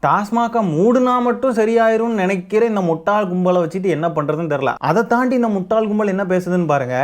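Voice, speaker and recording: High-voiced man giving mocking political commentary. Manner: mocking, argumentative, rhetorical questions. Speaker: political commentary channel host.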